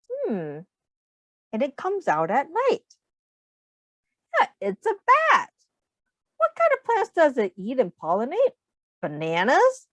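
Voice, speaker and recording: Here a female teacher shares a picture book with young children, pausing to put questions to them. She reads deliberately and expressively at a fairly high pitch, with no room sound.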